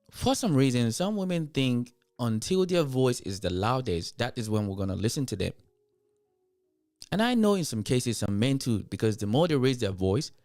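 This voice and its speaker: Addressing viewers directly on his commentary show, a Nigerian-accented man reacts with emphasis, repeating himself to hammer points home. His medium-pitched voice is slightly mellow, captured in clean studio sound with no room tone.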